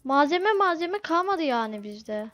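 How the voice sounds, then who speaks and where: A woman's voice: high-pitched, very animated, measured pace, fairly bright tone. A woman commenting casually on a restaurant game she is playing, flustered and begging her customers to be patient. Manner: flustered, pleads with impatient customers. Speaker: gameplay video host. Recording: dull lo-fi audio with game music.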